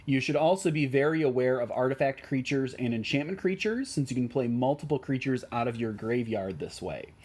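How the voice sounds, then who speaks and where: A man with a Midwestern American accent explains card choices for a deck in a relaxed way, with many ums and uhs. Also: medium pitch, a little fast, hardly any pauses, husky. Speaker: deck tech host.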